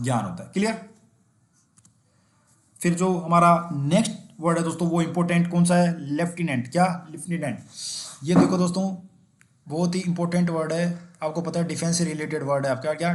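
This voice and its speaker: A man teaching an exam-prep spelling lesson. He asks quick questions, answers them himself, and spells words out slowly letter by letter. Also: a little high, darkish tone, reverberant.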